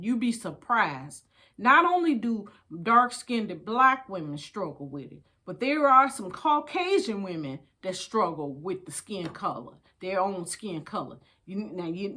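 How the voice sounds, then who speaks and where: A mid-range voice, bright and forceful, belongs to an older American woman hosting storytime. She talks casually and reads aloud from a book in a folksy, emphatic style, calling her listeners babies and repeating phrases to drive them home.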